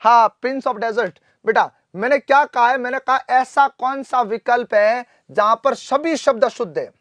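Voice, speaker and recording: A male teacher runs a live online class, quizzing students, repeating each answer and calling them "beta". He clears his throat often. The sound is close and dry. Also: very high voice, moderate pace, a bit bright, no echo. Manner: addresses students fondly as "beta". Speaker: Hindi teacher.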